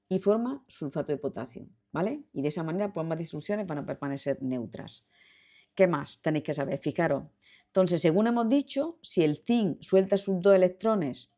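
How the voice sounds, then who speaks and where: Female teacher, Spanish accent, patient and repetitive, lowish warm voice, for video lesson. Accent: Spanish from Spain. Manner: patient, repetitive, checks in with students. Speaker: chemistry teacher.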